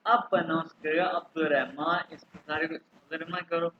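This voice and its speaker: A man teaching German in an online class over a video call, slowly repeating words for his students to drill. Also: on the high side, fairly even intonation. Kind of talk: online language lesson. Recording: muffled online call with clear noise.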